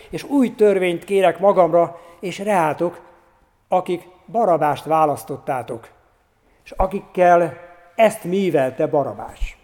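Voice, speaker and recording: A man reading aloud the gentle words of a male master figure, in a solemn voice. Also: a little high, big-room sound, lightly acted.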